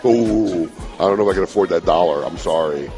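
A man's voice: deep voice, fairly quick, gravelly, mellow, faint music behind. A man hosting a radio show, chatting casually and teasing his co-host. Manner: joking, teasing banter.

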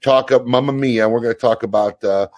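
A man's voice: medium pitch, fairly even intonation, fast, a little mellow, dry recording. A man hosting a talk radio show, teasing his co-host and leading segments in an easygoing way. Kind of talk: casual chat and show hosting.

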